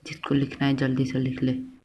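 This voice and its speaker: A man's voice: medium pitch, monotone, fairly quick, darkish tone, a little hiss or hum, rough recording. A man teaching a lesson, dictating notes to students word by word and correcting his own slips. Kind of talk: slow classroom lesson.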